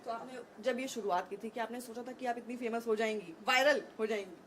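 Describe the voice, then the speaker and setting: A woman's voice: on the high side, brisk, fairly bright tone, slight background noise. A woman interviewing a guest on a conference stage, asking polite, prompting questions.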